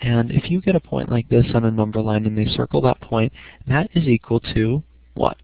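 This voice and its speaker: A middle-aged math teacher gives an informal, step-by-step lesson from a small room at home, constantly checking understanding with "okay." His medium-pitched voice is gravelly and a little fast. The lo-fi home recording sounds dry and dull.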